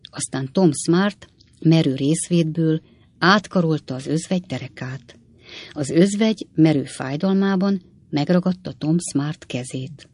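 A narrator tells the story slowly, speaking to the listeners. The voice sits at a middle pitch, and the sound is dry and close to the mic. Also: darkish tone, dry recording. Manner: slow, storytelling, addressing listeners. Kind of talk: audiobook narration.

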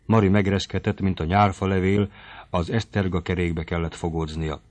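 Man narrating a novel, low voice. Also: level tone, darkish tone. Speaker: audiobook reader.

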